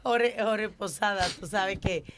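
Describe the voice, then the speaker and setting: A man's voice: sits high, takes it slowly, crowd noise. A man co-hosting a radio show, chatting and telling stories and dropping English words in. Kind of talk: casual radio banter.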